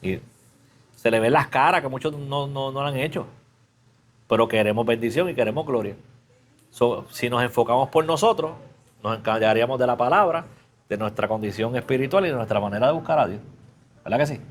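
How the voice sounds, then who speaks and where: Male preacher, mid-pitched, conversational class teacher, faint noise under the voice. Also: fairly quick, long pauses. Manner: casual, chatty, asks the class questions; mixes English fillers into Spanish.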